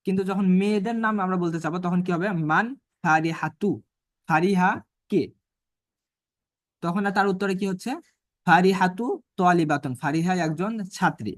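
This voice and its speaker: A man teaching an online Arabic grammar class, asking himself rhetorical questions and reading Arabic phrases slowly. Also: high voice, no echo, clean studio sound.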